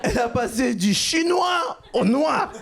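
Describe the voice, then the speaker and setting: A man from Cuba doing a stand-up comedy set on a club stage, with a loud, punchy delivery that shouts out the punchlines. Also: extremely high pitch, expressive, unhurried, vocal fry. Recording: live club recording with crowd. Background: audience laughter.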